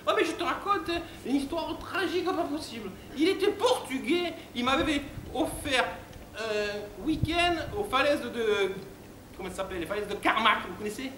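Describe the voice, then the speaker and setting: A man's voice: extremely high pitch, animated, moderate pace, a bit bright, voice pushed up. A man voicing a ditzy, easily amazed young woman who squeals her exclamations. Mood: dramatic. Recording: echoey room with background noise.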